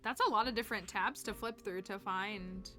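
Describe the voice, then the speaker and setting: A woman's voice: mid-range voice, moderate pace. A woman giving casual live commentary as she streams a game. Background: soft game music.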